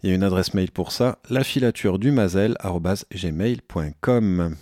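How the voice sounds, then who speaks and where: A man on local radio casually runs through an events agenda, peppering it with fillers and minor self-corrections. He speaks at normal speed in a deep voice.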